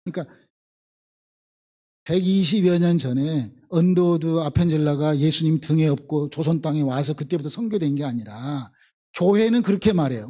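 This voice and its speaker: A man's voice: sits high, dark tone, muffled recording. A male pastor from the Jeolla region, preaching a sermon and acting out biblical voices with emphatic repetition. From Jeolla, South Korea.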